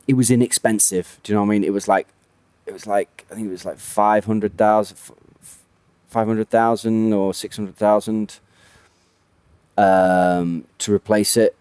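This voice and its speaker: A man with a lowish, smooth and resonant voice talks through a racing game in a loose, chatty way. He rambles and corrects himself as he goes. The sound is dry and close. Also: darkish tone, no echo. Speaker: game commentator. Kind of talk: casual gameplay commentary.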